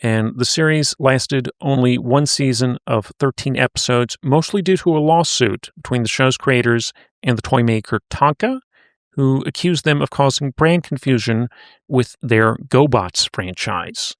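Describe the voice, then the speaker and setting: A man's voice: medium pitch, measured pace, dry recording, clean studio sound. A man co-hosting a podcast, recapping and chatting in a conversational storytelling way. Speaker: podcast co-host. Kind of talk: casual podcast chat.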